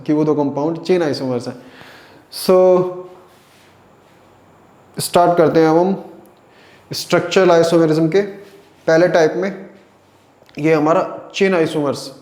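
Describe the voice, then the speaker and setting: A young man teaches a chemistry class in an echoey room, his voice slightly raised yet mellow. He poses questions and answers them himself, repeating key phrases slowly as he writes. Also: fairly high pitch. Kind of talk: classroom lecture with board writing.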